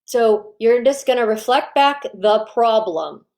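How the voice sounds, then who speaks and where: Lively, fairly high-voiced parenting coach woman. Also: unhurried. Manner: lively and chatty, acting out what parents and kids say. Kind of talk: live online training, answering viewer questions.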